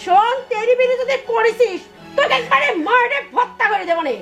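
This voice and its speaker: A woman's voice: very high voice, lively intonation, fairly quick, faint music behind. An actress playing a greedy, cruel mother-in-law who threatens and scolds her son's wife. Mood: scolding.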